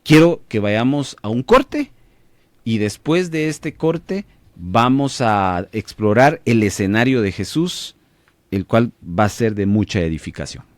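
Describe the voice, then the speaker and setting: A man's voice: lowish voice, lively intonation, a little slow, no room sound. A man hosting a radio Bible teaching program with a Latin American Spanish accent, preaching emphatically and putting questions to his listeners. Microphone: studio microphone.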